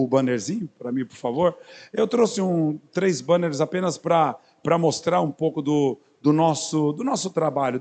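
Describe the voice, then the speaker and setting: His voice is on the high side and darkish: a pastor in his fifties from São Paulo, Brazil, with the local Portuguese accent. He introduces himself to his congregation as a sermon begins, joking casually and often restarting or using fillers.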